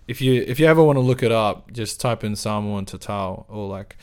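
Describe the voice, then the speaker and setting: A man in his thirties from New Zealand with an Australian accent, chatting casually in an interview, relaxed and quick to laugh. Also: lowish voice, smooth. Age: 30s. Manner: relaxed, laughs easily, many fillers. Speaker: interviewee, camera operator.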